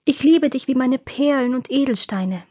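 A woman's voice: high-pitched, normal speed, warm tone, no room sound, clean studio sound, pitched above the performer's own voice. A woman voicing a vain, showy middle princess who gushes her affection. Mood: gushing.

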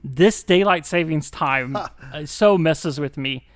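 A man's voice: a little high, takes it slowly, fairly bright tone. A man co-hosting a podcast in casual chat, rambling and laughing often. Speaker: podcast co-host.

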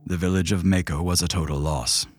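A man as game master voicing a remorseful male leader, heard as a distant memory voice that draws closer, slow, grave and reflective. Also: low voice, steady tone, music in the background. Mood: somber. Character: remorseful male leader recalling a past decision. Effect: distant memory voice drawing closer.

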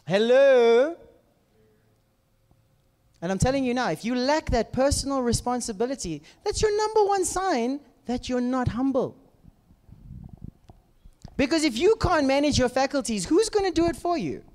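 A male preacher with a South African accent speaks in a high, very lively voice. He talks to his listeners conversationally, fires questions at them and slips into acted dialogue. The sound rings with the long reverb of a hall. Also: normal speed. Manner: rhetorical questions and call-outs to listeners; acts out imagined dialogue. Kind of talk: animated conversational sermon. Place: large echoing room with live listeners.

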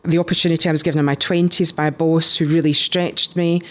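Speaking quickly in a low, flat voice, this Scottish business founder in her fifties recounts her career in a conversational way while appearing as an interview guest.

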